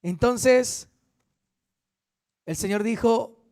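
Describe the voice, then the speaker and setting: A pastor with a very high, smooth, clear voice teaches a Bible study. He speaks earnestly, repeats key points and often corrects himself mid-sentence. The recording is dry and close. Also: extremely slow, a little mellow, no room sound.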